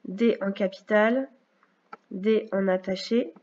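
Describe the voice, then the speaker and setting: A woman teacher walks a young child through a phonics lesson in a recorded video. She speaks slowly and clearly, patiently stretching out each sound. The recording is dull and a little lo-fi, like a home computer capture. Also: medium pitch, fairly even intonation, a little mellow. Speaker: first-grade teacher.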